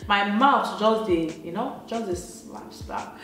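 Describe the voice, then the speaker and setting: A woman's voice: medium pitch, takes it slowly, fairly bright tone. Chatty Nigerian woman in echoey room. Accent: Nigerian Pidgin English. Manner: chatty and playful, emphatic repetitions. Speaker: beauty vlogger. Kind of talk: casual makeup tutorial in Pidgin. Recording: very echoey room, light music behind.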